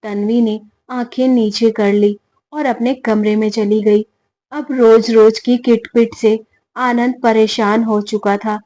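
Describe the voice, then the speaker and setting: Slow, fairly high-voiced woman storyteller. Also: level tone, dark tone, dry recording. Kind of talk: scripted story narration.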